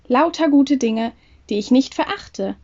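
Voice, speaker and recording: A confident young male craftsman speaks up earnestly and a little grandly, as a woman reading a fairy tale puts him on. The voice is mellow and sits somewhat high. The recording sounds dull and lo-fi. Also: expressive, unhurried, heavily acted.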